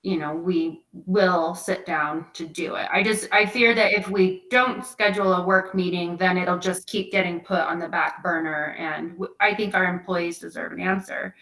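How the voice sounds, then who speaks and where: A woman's voice: on the low side, fairly even intonation, normal speed, hardly any pauses, fairly bright tone. A woman council member in a meeting discussion, earnest and persuasive with ums and restarts. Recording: echoey room, far from mic.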